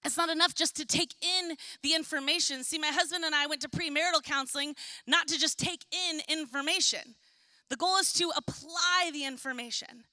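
A young woman preaches with a high, bright voice, loud and energetic, tossing in casual jokes between points. Her voice is recorded close and dry. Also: brisk, dry recording. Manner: energetic, loud and chatty with playful asides. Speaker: pastor. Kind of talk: sermon. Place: church auditorium.

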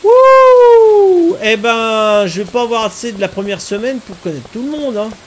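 A man's voice: sits high, quick pace, a little hiss or hum, poor audio. A man doing casual let's-play commentary, chatting and reading game text aloud, now and then swearing lightly. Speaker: gaming streamer. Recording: game music playing behind. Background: game music and rain sounds.

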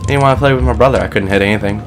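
A man's voice: on the low side, racing, background noise. A young man commentating casually on his own gameplay, nervous and self-mocking. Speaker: let's play commentator. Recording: game music underneath. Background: game music and sound effects.

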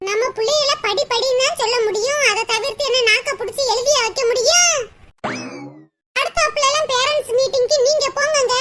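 A woman voicing a strict, quarrelsome young mother with a rural southern Tamil accent in a cartoon. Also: very high-pitched. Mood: complaining. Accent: southern Tamil Nadu rural. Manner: complaining, loud, argumentative. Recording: loud background noise.

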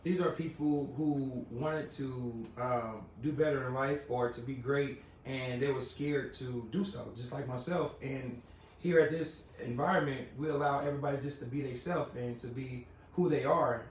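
A man's voice: mid-range voice, fairly even intonation, normal speed, slight background noise. A middle-aged man who owns a barbershop, answering interview questions politely and earnestly, with many fillers. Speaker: barbershop owner. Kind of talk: casual interview on a live video. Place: large barbershop indoors. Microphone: phone camera held by interviewer. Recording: roomy shop with faint ambience.

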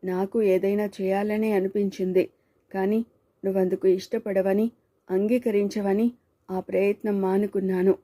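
A woman voicing a quiet, remorseful grown man who talks in a subdued, pleading way. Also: mid-range voice, flat delivery, normal speed, close to an everyday voice. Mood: detached.

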